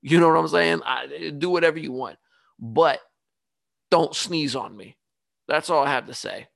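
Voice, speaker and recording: A man hosting his own podcast, talking casually in an animated, ranting, self-mocking way. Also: a little high, normal speed, gravelly, no echo. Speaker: podcast host. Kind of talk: casual solo monologue. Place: home studio.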